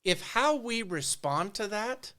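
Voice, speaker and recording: A man's voice: sits high, animated, slow pace, pushed and bright, clear, resonant tone. A man hosting a podcast interview, friendly and affirming, laughing along with his guest. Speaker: podcast host. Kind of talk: casual interview chat.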